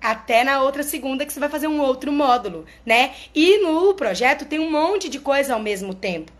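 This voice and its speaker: A woman's voice: sits high, expressive, brisk. A woman speaks as a therapist in a casual monologue to her followers. She explains things in a chatty way and often checks in with her listeners.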